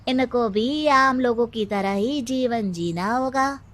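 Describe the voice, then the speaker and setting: A woman's voice: a little high, slow, a bit bright. A woman voicing a cunning male village advisor in a cartoon story, chuckling and wheedling as she talks. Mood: scheming.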